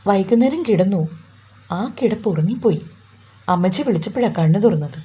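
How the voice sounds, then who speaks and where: A woman voicing a shy, anxious young woman in a storybook romance, speaking hesitantly and softly with a husky voice. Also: medium pitch, lively intonation, fairly quick, dull audio. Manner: hesitant, pleading, soft.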